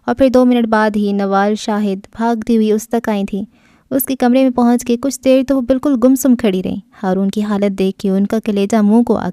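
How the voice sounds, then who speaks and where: Mellow woman reading a novel. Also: mid-range voice, dry recording, studio quality. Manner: steady, expressive storytelling. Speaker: audio novel narrator.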